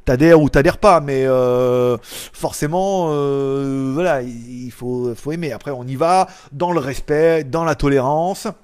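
A man chatting casually on a live stream, reading viewers' comments and joking, loud one moment and mumbling the next. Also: mid-range voice, a little slow, clean tone. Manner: loud, jokey, trails off into mumbles and chuckles. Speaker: tech YouTuber hosting a live stream. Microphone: small clip-on mic.

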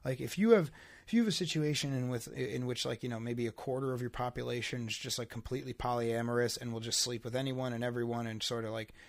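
A man's voice: medium pitch, fairly even intonation, quick pace, dry recording. A man in casual chat who rambles, restarting his sentences and stacking up fillers.

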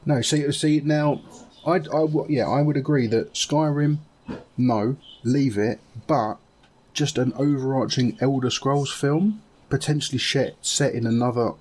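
A man with a slightly husky voice talks casually about games with friends. He argues his views in an animated way, often repeating the same phrase. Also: medium pitch. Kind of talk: casual gaming chat.

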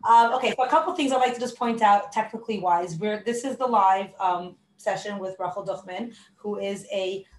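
A woman hosting a live online podcast, introducing the session in a friendly, halting way with many ums. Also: mid-range voice. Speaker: podcast host. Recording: roomy with faint noise.

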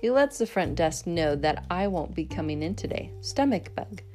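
A woman narrating a children's chapter book in the first person with lively storytelling. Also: fairly low pitch, normal speed, soft background music. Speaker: audiobook narrator.

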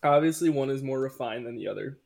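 A man's voice: mid-range voice, fast, vocal fry, a little mellow. A young man co-hosting a casual podcast chat, joking and swearing with frequent laughs. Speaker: podcast co-host.

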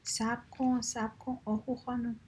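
A woman voicing a quarrelsome, hot-tempered male squirrel in a children's storybook, speaking loudly and indignantly. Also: mid-range voice, creaky, husky. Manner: loud, indignant.

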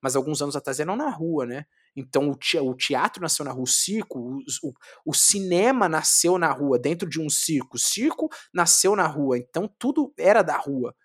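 A young man from Brazil, a street clown, telling his story in a casual interview, lively, swearing often and acting out what he said back then. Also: on the high side, moderate pace, few pauses. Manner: animated, swearing, acts out his own past words.

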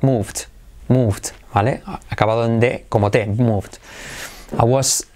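A man with a Spanish accent from Spain teaching English, drilling phrases slowly and switching to quick explanations. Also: medium pitch, fairly even intonation, darkish tone. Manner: repeats phrases slowly for learners to copy. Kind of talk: bilingual English lesson.

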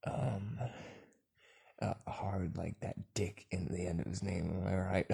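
A man's voice: deep voice, fairly even intonation, takes it slowly, creaky, mellow, slightly rough. A man doing improvised crude comedy banter, rambling through absurd profane stories and often breaking into laughter.

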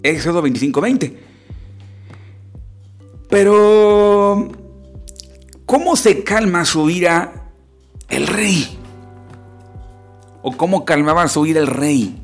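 A man's voice: on the high side, animated, slow pace, pauses often, soft background music. A man giving a religious lecture, explaining scripture step by step and often asking his listeners rhetorical questions.

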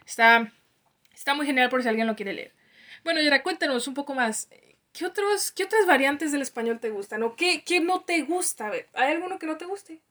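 A woman's voice: high-pitched, animated, fairly quick, bright, forceful tone. A young woman with a Mexican accent co-hosting a casual podcast, chatty and laughing often. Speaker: podcast co-host.

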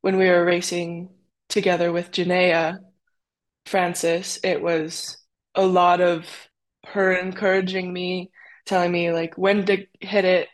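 A woman's voice: on the low side, level tone, unhurried. A young adult woman, a cyclocross racer, answering interview questions in a chatty way with lots of fillers. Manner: chatty, with many fillers and quoted asides.

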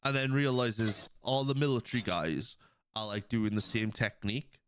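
A man's voice: lowish voice, normal speed, slight background noise. A man hosting a podcast, retelling a film scene by scene in casual chat while sniffling from a cold. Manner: animated storytelling, acts out quotes, laughs often. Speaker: podcast host. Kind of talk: casual movie recap chat.

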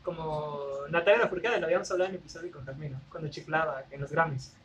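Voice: mid-range voice, steady tone, fairly bright tone, a little hiss or hum, poor audio. Playful Mexican podcast co-host. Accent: Mexican Spanish. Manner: playful, quick asides and jokes. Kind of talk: casual chat.

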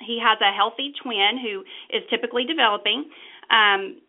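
A woman, a mother taking part as a guest, talking warmly and chattily over a phone speaker. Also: a little high, normal speed. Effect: heard over a phone speaker. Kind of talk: casual phone chat. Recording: narrow phone-line sound.

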